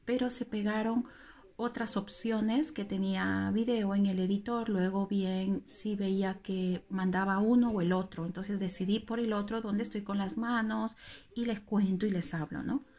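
A woman's voice: mid-range voice, fairly even intonation, moderate pace, dark tone. A woman talking casually in a vlog about a craft video she made, rambling and correcting herself as she goes. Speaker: craft vlogger.

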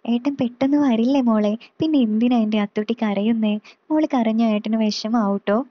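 A woman's voice: a little high, steady tone, moderate pace, dry recording, natural voice. Woman doing a cheerful young man, affectionate, teasing, dry muffled sound. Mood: fond. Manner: teasing, fond.

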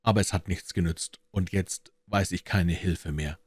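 A man voicing a starving, weary man near death, speaking gently and in a murmur. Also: low voice, steady tone, moderate pace, dry recording. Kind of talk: audiobook character voice.

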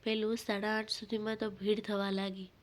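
A woman teacher with a Gujarati accent, reading worksheet questions and their answers in a steady, methodical way. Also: medium pitch, moderate pace.

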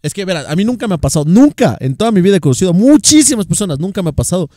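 A young man, co-hosting a casual podcast from a home kitchen, animated and joking. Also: high-pitched, rapid-fire, no echo, studio quality. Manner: animated, joking, keeps saying "loco". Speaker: podcast co-host. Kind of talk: casual chat.

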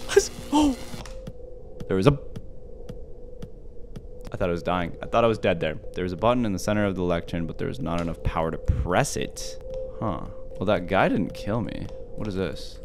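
A man's voice: sits low, brisk, over music. A young man giving scared, jumpy horror game commentary as a streamer, exclaiming and muttering to himself. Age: young adult. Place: small indoor room.

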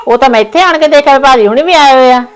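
An actress playing an elder sister-in-law who feels slighted and talks at length. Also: female voice, high voice, racing, lightly acted. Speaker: actor in a family drama. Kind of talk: village family drama acting.

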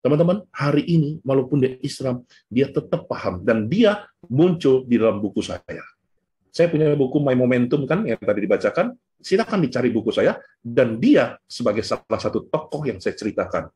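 A man giving a storytelling faith talk to a church youth group, casual and animated, mixing slang into his preaching. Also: mid-range voice, moderate pace. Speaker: guest speaker at a church youth session.

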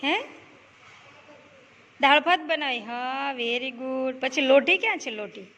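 High-voiced teacher coaxing small children. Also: female voice, lively intonation, a little slow, pushed and bright. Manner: coaxing, repeats questions, praises answers. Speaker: preschool teacher. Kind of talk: classroom questioning of small children. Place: village preschool classroom. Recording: noisy classroom recording.

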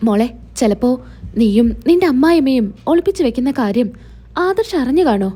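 A woman voicing a gentle, caring older father who speaks reassuringly. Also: high-pitched, very animated, a little fast.

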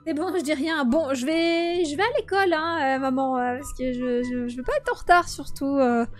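A woman playing a teenage girl in a game role-play, chatty and expressive. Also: sits high, moderate pace, faint music behind. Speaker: YouTuber playing a teen girl.

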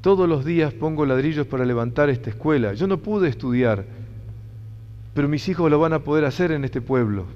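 A man playing a humble, proud male bricklayer who speaks softly and earnestly. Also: fairly high pitch, expressive, a little fast, natural voice. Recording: dull sound, long hall reverb.

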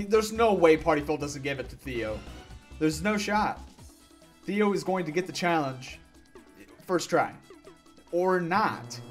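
Ranting young male gamer, raised voice. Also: fairly high pitch. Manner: frustrated ranting, yelling at the game. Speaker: gaming YouTuber. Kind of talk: gameplay commentary.

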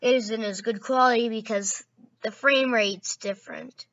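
A woman's voice: a little high, steady tone, measured pace, a bit bright, no echo, lo-fi sound. A woman hosting a gaming video, narrating casually and often correcting herself mid-sentence.

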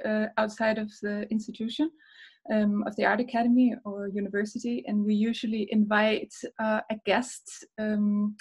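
Woman from Denmark, 30s, reading group host; narrow pitch, friendly and measured. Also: darkish tone. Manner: friendly, measured, with frequent ums and self-corrections. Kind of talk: welcoming introduction on a video call. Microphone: laptop mic on a video call.

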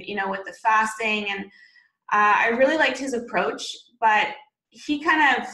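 Bright-voiced young woman on a video call. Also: medium pitch, reverberant, poor audio. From Canada. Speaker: podcast guest. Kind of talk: casual interview talk. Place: home room with shelves.

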